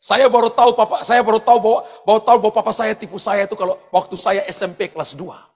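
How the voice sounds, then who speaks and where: A pastor telling personal stories in a sermon, animated, often shouting out quoted lines and laughing as he goes. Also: high voice, fast. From eastern Indonesia. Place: large church hall. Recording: long hall reverb from church sound system.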